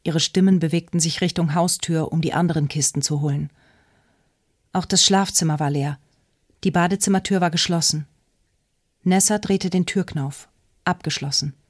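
A woman narrating an audiobook in a tense, steady storytelling manner. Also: low-pitched, no echo, studio quality. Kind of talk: scripted narration.

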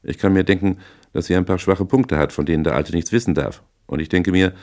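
Deep, gruff and sullen, this small-time crook, voiced by a male reader, grumbles his answers from the low end of the voice. He stays shifty and defensive throughout, as in a spoken detective story. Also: brisk, a little mellow, natural voice. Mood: evasive.

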